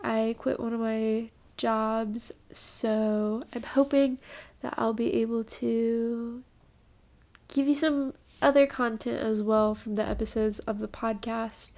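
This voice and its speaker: A young woman hosting a podcast in a rambling, casual chat, sounding congested and stopping often for ums and quick apologies. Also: a little high, flat delivery, a little mellow. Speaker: podcast host.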